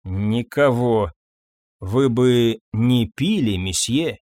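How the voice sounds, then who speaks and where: A stolid stable hand who answers in short, flat words and cannot be rattled, as a male narrator puts him on. It is a storybook voice kept close to ordinary speech and recorded dry, with no room around it. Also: mid-range voice, drawn-out words, no echo. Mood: slow.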